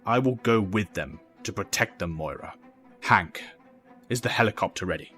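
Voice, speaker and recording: An actor playing a calm, grave older professor mentoring young people, measured and authoritative, in an audio drama. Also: male voice, deep voice, faint music behind. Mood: resolute.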